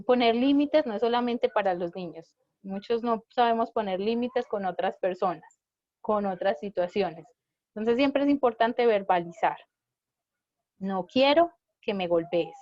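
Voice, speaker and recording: A woman's voice: fairly high pitch, darkish tone, no room sound, muffled recording. A woman giving a live parenting talk, explaining step by step and often checking in with her listeners. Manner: explanatory, checks in with frequent rhetorical "¿sí?". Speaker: parenting workshop speaker.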